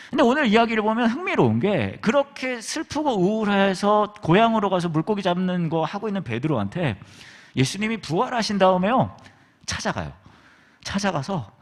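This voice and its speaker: A man preaching a humorous sermon, telling stories from his school days and acting out the people in them. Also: high voice. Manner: lively, joking, acts out quoted people. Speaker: pastor. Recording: long reverb of a large hall.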